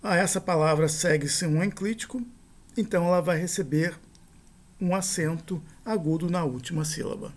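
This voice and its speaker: A man with a high voice lectures on grammar. He explains each rule step by step, repeating the key terms. He slows right down to sound out every example word. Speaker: teacher.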